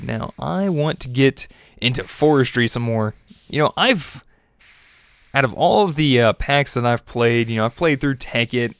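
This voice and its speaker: This young man's congested, mid-range voice carries no echo as he chats through his gameplay video like a typical let's-play host. He's upbeat and talkative, with fillers and little laughs. A faint music bed sits behind him.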